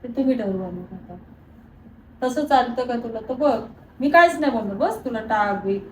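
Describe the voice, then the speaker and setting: A middle-aged woman argues defensively in insistent, quick bursts, and her voice sits high for a woman. She is picked up from off the mic in an echoey home kitchen. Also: expressive. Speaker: mother with a cooking channel. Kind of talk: casual family argument. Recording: roomy, distant, noisy home recording.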